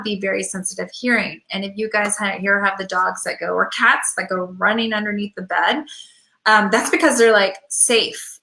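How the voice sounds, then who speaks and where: A woman with a bright, forward voice talks casually to her viewers as a pet healer. She rambles through stories and drops into quoted asides. The sound bounces around an echoey room. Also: mid-range voice. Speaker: pet healer and show host.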